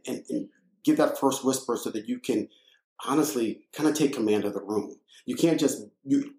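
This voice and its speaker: A man's voice: mid-range voice, creaky, a little mellow. Earnest male doctor in a roomy echo. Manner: earnest, circles back and restarts while explaining. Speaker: emergency physician panelist. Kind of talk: panel discussion.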